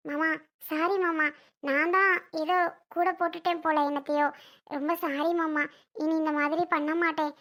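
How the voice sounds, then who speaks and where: A woman's voice: high-pitched, level tone, normal speed, pauses often, a bit bright. A woman playing a flustered young wife who defends her cooking, pleading and snapping back. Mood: pleading, defensive. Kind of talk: comedy skit acting.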